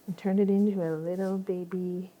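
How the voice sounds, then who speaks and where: A woman's voice: on the low side, flat delivery, normal speed, narrow, tinny audio, very noisy. Young woman vlogging while baking at home, chatty, jokes about herself, laughs a lot. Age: young adult. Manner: chatty, self-mocking, frequent laughs. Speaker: lifestyle vlogger. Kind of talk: casual chat while baking. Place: home kitchen.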